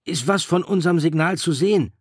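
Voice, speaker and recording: A man's voice: medium pitch, big pitch swings, measured pace, slightly rough, no room sound, studio quality, voice pushed up, heavily acted. A man voicing an anxious, short-sighted boy who asks worried, pleading questions.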